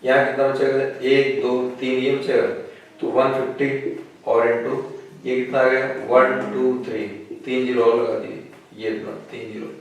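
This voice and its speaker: A man teaching a physics lesson in a classroom, working through problems step by step and often checking with his students. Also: mid-range voice. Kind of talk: classroom lecture. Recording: echoey room, voice from a distance.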